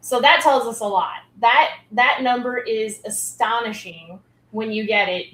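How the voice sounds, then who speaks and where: A woman's voice: a little high, fairly bright tone. Woman, podcast guest, upbeat explanations, fillers, echoey room. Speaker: school health program guest. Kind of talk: casual interview chat.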